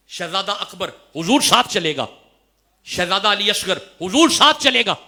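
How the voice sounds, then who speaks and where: A man preaching an impassioned sermon at a mosque gathering, moving between hushed storytelling and loud declaiming. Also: high voice.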